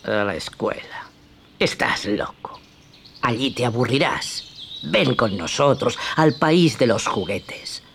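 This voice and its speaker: A storyteller voicing a sly, smooth-talking fox in a hushed, coaxing, half-whispered voice. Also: medium pitch, animated, slow, slight background noise, heavily acted. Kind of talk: storybook reading.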